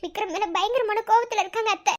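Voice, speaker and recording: An upset young wife in a village cartoon, voiced by a woman with a Madurai accent. Her voice is very high and squeaky, and she sounds tearful and indignant. She keeps sighing over the trouble in the family. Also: steady tone, fast talker, fairly bright tone. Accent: Madurai Tamil.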